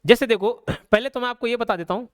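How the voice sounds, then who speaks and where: A male teacher giving a casual, conversational grammar lesson. He keeps asking rhetorical questions and slows down to spell out each example. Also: very high voice, clean tone, dry recording, studio quality. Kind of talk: casual classroom explanation.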